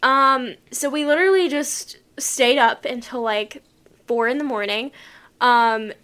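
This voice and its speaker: Young woman, bright high voice. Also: unhurried, clear, resonant tone. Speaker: sibling vlog host. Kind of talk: casual chat and storytelling.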